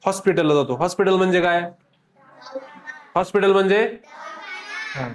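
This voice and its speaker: Lively teacher quizzing a class. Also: male voice, high-pitched, normal speed, slight background noise. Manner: lively, quizzing pupils with repeated questions and playful teasing.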